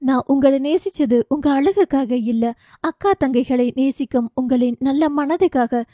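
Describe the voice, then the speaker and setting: A woman voicing a hurt, bitter middle-aged wife and mother who speaks in a measured, reproachful way. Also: high voice, dark tone, no echo, studio quality, natural voice.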